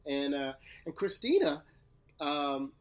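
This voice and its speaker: A man's voice: fairly high pitch, sing-song, takes it slowly. Laid-back man co-hosting a podcast. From Louisiana, USA. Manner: laid-back, playful, teasing. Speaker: podcast co-host. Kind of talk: casual chat.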